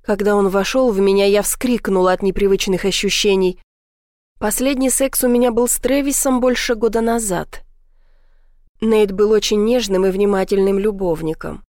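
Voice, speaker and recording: A woman's voice: medium pitch, steady tone, moderate pace, a little mellow, no room sound, clean studio sound. A woman narrating a first-person novel as an audiobook, reading emotively.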